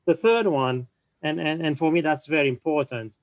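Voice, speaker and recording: Guy talking at a conference panel, measured explainer, lots of restarts, dry close sound. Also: a little high, dry recording, rough recording. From small island nation. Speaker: panel speaker.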